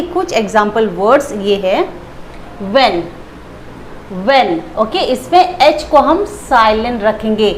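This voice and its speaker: Slow, patient woman teaching. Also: fairly high pitch, slight background noise. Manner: slow, spells out letters and repeats words. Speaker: English teacher. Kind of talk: pronunciation lesson.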